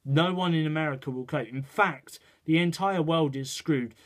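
A man's voice: fairly high pitch, moderate pace. Rambling man with a raised voice. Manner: rambling, repeats "right" and "okay". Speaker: vlogger. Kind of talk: casual opinion rant to camera.

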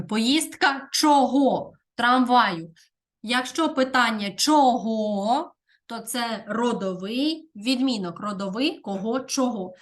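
A woman teacher leads a grammar lesson for young pupils. She speaks at an unhurried, dictating pace, spelling things out word by word. Her voice sits a little higher than most women's. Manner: slow, deliberate dictation with clear enunciation. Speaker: primary school teacher. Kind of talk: Ukrainian grammar lesson for fourth graders.

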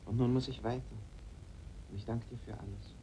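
An actor playing a gentle, kind man speaking calmly to a young woman in an old film drama. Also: mid-range voice, a little fast, background noise, lightly acted.

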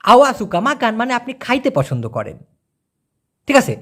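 A language teacher, giving a beginner lesson and repeating words slowly so learners can follow. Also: mid-range voice, huge pitch swings.

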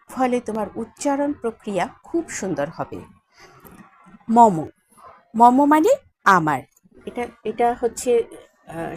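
A woman with a Bengali accent teaching a Sanskrit lesson at a board, spelling words out letter by letter and asking her students checking questions. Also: a little high. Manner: asks the class checking questions. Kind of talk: classroom lesson at a whiteboard.

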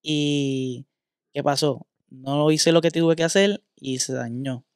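A man's voice: on the high side, slow pace, darkish tone, clean tone, no echo, studio quality. Man telling a candid story. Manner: candid storytelling, mixes in English words. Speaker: podcast host.

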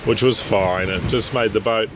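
Relaxed man narrating aboard a windy sailboat. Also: fairly low pitch, normal speed. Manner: relaxed, matter-of-fact, with sailing jargon. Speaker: sailing vlog host. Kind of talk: casual vlog narration. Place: open cockpit of a sailing catamaran at sea. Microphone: handheld camera mic, wind on it. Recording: windy outdoor camera audio. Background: wind and water noise.

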